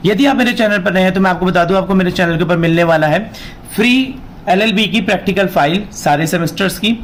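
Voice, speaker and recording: A high-pitched male law teacher talks fast in his online class despite a sore throat, and the recording carries a little hiss or hum. His informal exam lesson mixes Hindi with English terms as he explains material and goes back over the key points.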